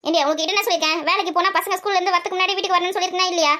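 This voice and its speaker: A woman voicing a tired, grumbling old grandmother with an aching back, talking soft and low in a comic family skit. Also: steady tone, very fast. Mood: scolding. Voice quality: soft and low, muttering to herself.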